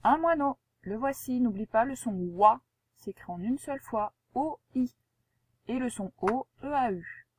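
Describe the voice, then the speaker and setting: A woman teacher leads a spelling dictation at a deliberately slow pace, stretching words and spelling them out letter by letter. Her voice sits fairly high and sounds close and dry, with no room around it. She speaks to the pupil directly and patiently, checking in with questions. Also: animated, breathy edge, dry recording.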